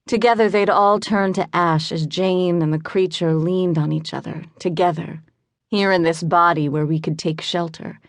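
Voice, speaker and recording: Low-voiced woman narrating an audiobook. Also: fairly even intonation, moderate pace, no echo. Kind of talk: scripted fantasy narration.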